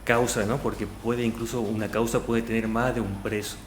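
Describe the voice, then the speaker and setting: This job candidate, a thirties-aged man from Argentina's Salta province, has a fairly low, flat voice and talks at a moderate pace in Salta-accented Argentine Spanish. Before a formal interview panel he hesitates, restarting often and leaning on fillers. Faint noise sits in an echoey room.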